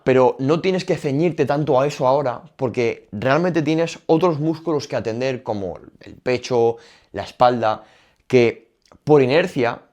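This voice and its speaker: A man's voice: mid-range voice, darkish tone. A young man with a Spain Spanish accent giving casual, emphatic training advice, repeating his points directly. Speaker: fitness youtuber. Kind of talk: casual gym advice talk.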